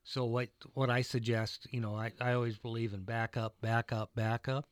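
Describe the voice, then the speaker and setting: With little pitch movement in his mid-range voice, a man who teaches computer classes chats on the radio in a dry recording. He stumbles and restarts often and goes slowly over his contact information.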